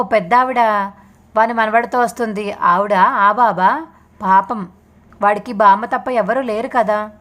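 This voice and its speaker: A woman's voice: mid-range voice, a bit bright. A woman vlogger recapping a TV serial in a plain storytelling manner. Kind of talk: casual episode recap narration.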